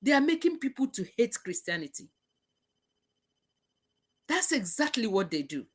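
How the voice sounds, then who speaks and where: A woman's voice: fairly high pitch, very animated, moderate pace, husky. A woman hosting a live talk show, reading out viewer comments and stressing points by repeating them. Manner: emphatic, repeats key phrases.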